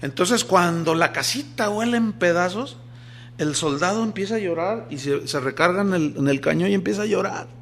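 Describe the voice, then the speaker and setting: A man, a pastor, preaching a sermon, moving between loud emphatic lines and quiet asides while acting out quoted voices. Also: sits high, normal speed, slight background noise.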